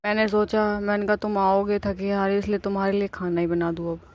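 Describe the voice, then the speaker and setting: A woman's voice: mid-range voice, little pitch movement, brisk, a little mellow, close to an everyday voice. A woman voicing a scheming, bossy old mother-in-law in a cartoon, scolding and nagging. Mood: falsely sweet. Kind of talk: cartoon voice acting.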